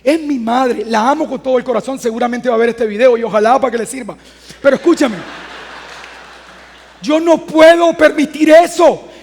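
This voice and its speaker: A man in his thirties delivers a sermon with a strikingly high-pitched voice. He moves from a chatty, storytelling tone into loud, emphatic stretches. The sound rings with the long reverb of a big hall. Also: steady tone, fast talker, vocal fry, slightly rough. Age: 30s. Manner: conversational preaching that swells into loud emphatic passages. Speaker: pastor.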